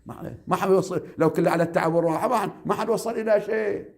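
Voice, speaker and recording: A man, a cleric lecturing seminary students, emphatic and repetitive, slowing down to stress his points and asking rhetorical questions. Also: sits high, vocal fry, darkish tone. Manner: slows down to stress key phrases.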